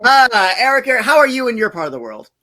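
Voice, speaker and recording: A woman's voice: on the high side, sing-song, brisk, a crowd in the background. A woman hosting a virtual convention panel over a video call, reading upbeat introductions and laughing often. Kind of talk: upbeat scripted introductions and moderating.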